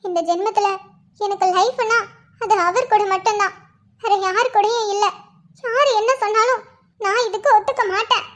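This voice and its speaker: A woman's voice: very high-pitched, steady tone, normal speed. A woman voicing a worried young college girl in a cartoon, thinking aloud in an anxious inner monologue. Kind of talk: cartoon voice acting.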